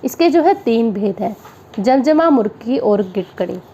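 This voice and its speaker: A woman's voice: fairly high pitch, animated, unhurried, warm tone, dull audio, a little hiss or hum. A woman teaching music theory for an exam, asking rhetorical questions and answering them, and singing out note syllables as examples. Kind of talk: exam-prep lecture.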